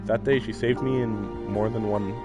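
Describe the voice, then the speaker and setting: This is a lo-fi live stream where a man with a fairly low, steady voice speaks at normal speed, reading a visual novel's lines and musing aloud. His casual let's-play commentary is full of wry, self-deprecating asides, over faint game music.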